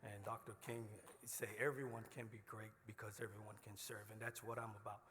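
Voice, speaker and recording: Barbadian man giving a halting acceptance speech. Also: on the low side, level tone, a crowd in the background. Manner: halting, repeats himself, earnest. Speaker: award recipient. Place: hotel banquet room. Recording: reverberant hall, faint noise.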